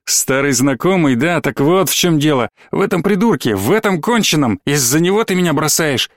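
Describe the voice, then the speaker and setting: A man reading an audiobook, voicing a jealous, hot-headed young man who shouts and whines insults. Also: on the high side, moderate pace, vocal fry, dry recording, clean studio sound. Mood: furious shouting. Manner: shouting, whining, hissing insults. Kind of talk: audiobook character voice.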